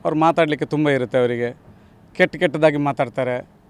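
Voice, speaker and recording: A middle-aged man answers a street reporter outdoors. His voice sits high, and he speaks with emphatic indignation, hammering the same points again and again. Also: a little fast, clear, resonant tone. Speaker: local worker interviewed on the street. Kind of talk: street interview. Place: outdoors near a temple town.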